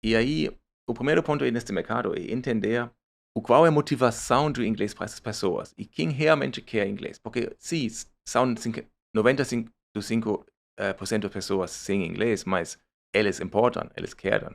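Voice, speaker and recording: Speaking at normal speed in a low voice with vocal fry, this German man has a German accent. He is a startup founder answering casual interview questions hesitantly, frequently repeating words and slipping into English.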